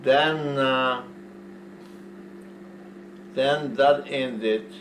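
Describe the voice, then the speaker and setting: An older man from Poland with a Polish accent, recalling his past in a casual interview, halting and repeating words in broken English. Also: mid-range voice, steady tone, fairly bright tone. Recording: roomy, far from mic, noisy.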